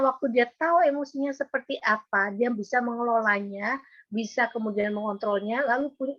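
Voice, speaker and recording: A woman's voice: fairly high pitch, dry recording. An older woman, a psychologist, giving a patient, explanatory webinar talk to parents with frequent filler words. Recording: dull, dry video call audio.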